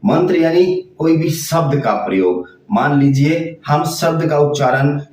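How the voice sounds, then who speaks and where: A man teaches a spiritual lesson, stopping to demonstrate chanted sounds as he goes. He speaks very slowly and keeps repeating points, at a middle pitch. His voice sits back from the mic in a strongly echoing room. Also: darkish tone, distant mic. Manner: slow, repetitive explaining, demonstrating chanted sounds. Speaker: tantra teacher.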